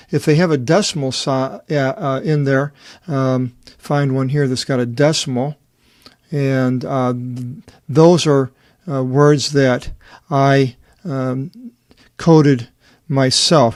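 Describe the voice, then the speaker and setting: Man, mid-pitched, hesitant and unpolished, explaining his own book layout; dry room. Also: darkish tone, dry recording. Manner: halting, many fillers and restarts. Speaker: Bible translator presenting his edition. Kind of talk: unscripted screen walkthrough.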